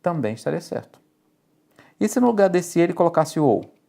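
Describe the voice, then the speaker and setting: A man's voice: on the high side, very animated, a little fast, creaky, warm tone. A man with a Brazilian Portuguese accent teaching logic for exam prep, explaining step by step and checking in with the class.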